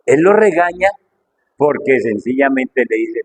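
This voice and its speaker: A man's voice: expressive, unhurried, rough recording. A middle-aged man preaching a sermon with fervour, asking the congregation one rhetorical question after another and swinging his voice up and down. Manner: fervent, full of rhetorical questions, wide swings in pitch and loudness.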